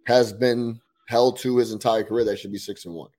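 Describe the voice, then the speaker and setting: A man's voice: mid-range voice, steady tone, a little fast, darkish tone. A man co-hosting a sports podcast, chatting casually about football with profanity and frequent restarts. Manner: conversational, profane, stumbles into restarts.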